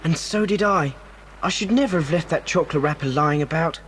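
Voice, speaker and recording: A man's voice: fairly high pitch, a little fast, close to an everyday voice. A male actor playing a confident, reassuring British schoolboy in a children's adventure audio drama. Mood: relieved. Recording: noisy old cassette recording.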